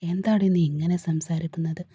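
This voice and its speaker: A woman's voice: fairly low pitch, steady tone, moderate pace, warm tone, slightly rough, no room sound. A woman reading a storybook part of a hurt young husband who pleads with his wife. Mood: wounded.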